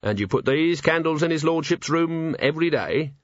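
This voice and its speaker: A man reading aloud and voicing a patient police commander who questions kindly and gently. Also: on the high side, lively intonation, normal speed, no room sound, lo-fi sound, voice pushed up, natural voice. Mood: gentle.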